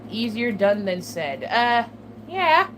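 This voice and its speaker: A channel host chats casually with her viewers, swearing often and laughing between comments. Her voice sits on the high side and she speaks slowly, with steady background noise behind her.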